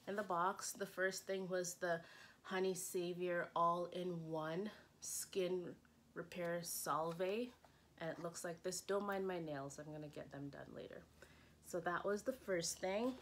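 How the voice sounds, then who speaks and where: A young woman vlogging an unboxing in a chatty, excitable way, full of "like" fillers. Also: fairly low pitch, slight background noise. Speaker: beauty vlogger. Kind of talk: casual unboxing chat.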